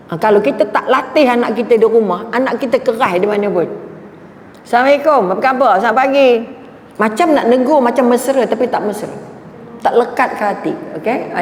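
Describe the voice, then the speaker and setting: A woman with a Malaysian Malay accent gives a religious talk, her voice sitting a little high. She is chatty and humorous, acts out little scenes and keeps turning to the audience for agreement. The sound is roomy, with a long hall echo and faint noise underneath. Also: darkish tone. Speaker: religious speaker.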